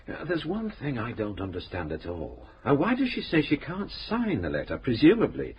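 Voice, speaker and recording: An actor playing a calm, thoughtful police inspector in a radio crime drama. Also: male voice, medium pitch. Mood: pondering. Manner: measured and dry. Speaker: detective inspector. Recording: slightly dull radio recording, faint hiss.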